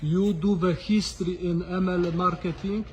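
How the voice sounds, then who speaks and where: A man with a Polish accent presenting a tour as visiting host and translator, effusive, halting and repeating himself for emphasis. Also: high voice, fairly even intonation, muffled recording. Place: indoors, office and warehouse. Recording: background noise in warehouse.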